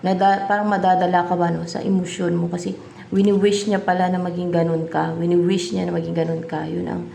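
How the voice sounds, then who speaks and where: A woman doing a tarot reading, musing slowly and questioning herself aloud as she reads the cards. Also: on the low side, flat delivery, vocal fry, warm tone. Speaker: tarot reader. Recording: echoey room, faint background noise.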